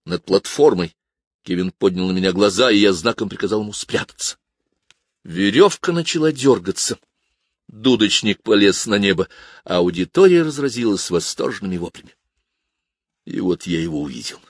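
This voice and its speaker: A man reading a novel aloud in a measured, even storytelling manner. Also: deep voice, dry recording, studio quality. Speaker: audiobook narrator. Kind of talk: scripted narration.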